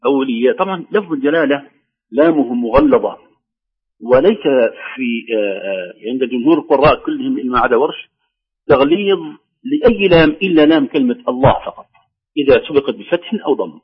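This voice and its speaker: A man teaching the rules of Quran recitation, explaining each rule and then reciting slow, drawn-out examples. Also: mid-range voice, animated, husky, highs cut off. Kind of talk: tajweed lesson with recited examples.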